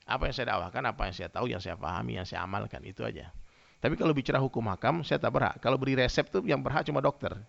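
Male preacher telling stories to his congregation, bright tense tone, gravelly edge. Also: medium pitch, racing. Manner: lively storytelling, addresses listeners directly. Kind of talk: humorous sermon with anecdotes. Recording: dull lo-fi sound.

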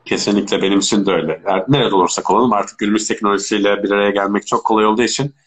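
A man's voice: on the low side, fairly even intonation, racing, fairly bright tone. A man with a congested, stuffy nose from allergies, speaking as he politely hosts a casual live-stream chat. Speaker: host of an online live chat.

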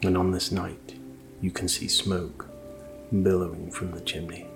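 A man narrating a sleep story in a soft, calm, hushed voice, slowly and soothingly, with a scripted relaxing delivery. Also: low voice, gravelly, over music. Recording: faint noise under rain ambience. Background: rain ambience.

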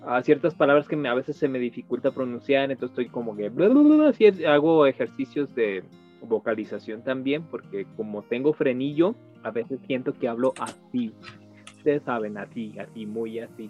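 A man, a guest on a casual podcast, telling stories in an animated way with halting restarts. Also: medium pitch, faint music behind. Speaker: podcast guest, video creator. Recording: dull lo-fi sound.

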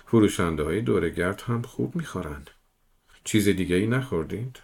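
A man voicing a shrewd police detective who persuades a suspect in a smooth, patient manner. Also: low-pitched, lively intonation, a little mellow. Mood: probing. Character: shrewd coaxing middle-aged male police detective.

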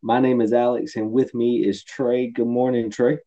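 A man's voice: mid-range voice, little pitch movement, normal speed, mellow. A man co-hosting a faith podcast in casual chat, upbeat and welcoming, his voice strained after a weekend of singing. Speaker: podcast co-host. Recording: dull lo-fi sound.

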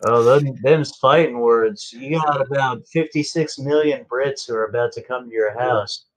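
A man's voice: mid-range voice, normal speed, rough recording. A man co-hosting a casual podcast chat, ranting with lots of swearing. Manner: ranting, profane. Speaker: podcast co-host.

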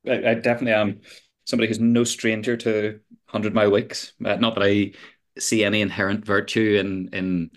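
Podcast guest, man, fairly low voice, conversational, hesitant phrasing with repeated starts. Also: little pitch movement, brisk. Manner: hesitant, repeats words as he thinks. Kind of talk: casual interview chat.

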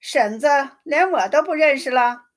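A woman's voice: high-pitched, expressive, normal speed, pitched above the performer's own voice. A woman reading aloud and voicing the ghost of a young noblewoman who reproaches a relative. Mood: reproachful.

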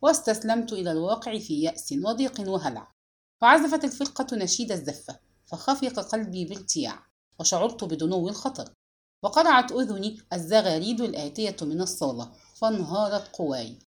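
Expressive woman reading an audiobook. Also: medium pitch, fairly quick. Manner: expressive, dramatic. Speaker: narrator. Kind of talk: audiobook narration.

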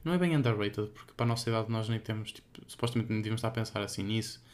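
His lowish voice races along as he co-hosts a podcast in a loose, casual chat. The young man speaks with a European Portuguese accent and uses plenty of slang.

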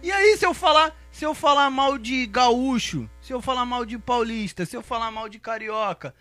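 Young man, bright and animated, slangy teasing banter, dry close recording. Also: very high voice, moderate pace, dry recording, soft background music. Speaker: podcast co-host. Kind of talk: casual joking banter.

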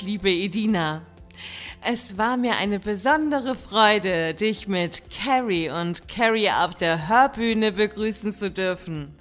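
Woman hosting a book podcast, slow and friendly, reading her outro, a bit of music behind. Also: mid-range voice, fairly bright tone. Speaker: podcast host. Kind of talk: scripted outro.

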